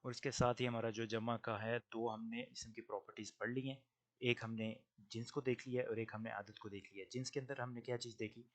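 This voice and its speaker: Male grammar teacher, native Urdu speaker, mid-pitched, patient, drills word pairs slowly. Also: mellow. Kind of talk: recorded online lesson.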